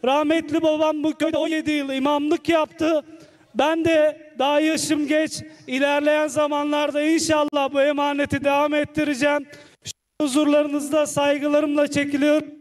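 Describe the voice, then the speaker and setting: A man giving a formal thank-you speech at a festival, in deliberate short phrases. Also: very high-pitched, little pitch movement. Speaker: local speaker at a wrestling festival.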